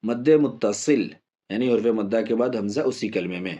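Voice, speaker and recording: A man teaching Quran reading, who explains each rule calmly and spells the syllables out slowly, repeating them and drawing the vowels long. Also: fairly low pitch. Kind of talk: step-by-step spelling lesson.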